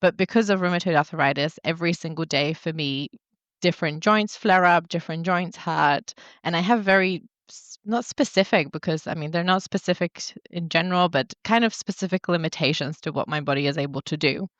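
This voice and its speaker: Low-voiced woman telling her story. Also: fairly quick, a bit bright, no echo, dull audio. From born in Poland, raised in England. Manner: reflective, open storytelling with small laughs. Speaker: guest, yoga teacher and wellness coach. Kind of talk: interview answers, personal story.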